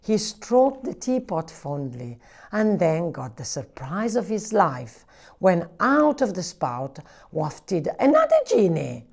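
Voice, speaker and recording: A woman library storyteller reads a picture book aloud to children, animated and playful, acting out every sound effect. Her voice sits low and swoops widely in pitch at a slow, unhurried pace. A light gravelly fry shows at the ends of her phrases.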